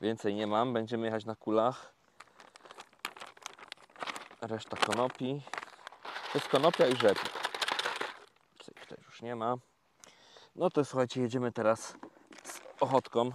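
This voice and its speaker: A man talking casually to viewers in a fishing vlog, explaining each step in a relaxed, chatty way with many fillers, recorded outdoors by a lake. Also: medium pitch, unhurried, pauses often, noisy background. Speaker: carp fishing vlogger.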